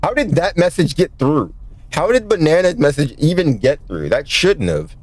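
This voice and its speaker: A man's voice: fairly high pitch, big pitch swings, moderate pace, no room sound. A man streaming a visual novel, joking and chatting with his viewers as he reads. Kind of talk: casual let's-play commentary.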